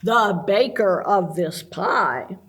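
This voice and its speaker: A woman's voice: mid-range voice, lively intonation, slow, pitched below the performer's own voice. Woman reading a gallant storybook prince. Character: charming young storybook prince. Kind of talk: storybook read-aloud.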